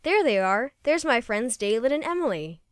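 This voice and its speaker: A big friendly Bigfoot from a children's storybook, voiced by a woman, jovial and bossy. The voice is fairly high and smooth, bouncing with confident, teasing energy. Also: expressive, moderate pace, dry recording, clean studio sound, natural voice. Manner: hearty, teasing, bossy helper.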